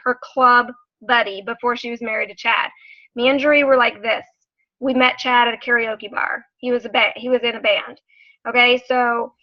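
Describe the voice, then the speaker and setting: A woman with a fairly high voice leads her team on a video call, upbeat and full of praise. The sound is dry and a little dull, the way video call audio usually is. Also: sharp tone, no room sound. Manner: upbeat, enthusiastic, quick to praise. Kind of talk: casual team meeting talk.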